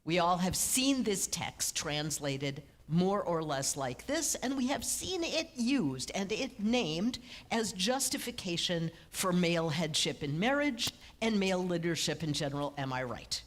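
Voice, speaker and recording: A woman's voice: on the low side, a little slow. A woman rabbi giving a conversational teaching sermon in a church, joking with the congregation. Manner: lively, conversational, jokes with the congregation. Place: church sanctuary.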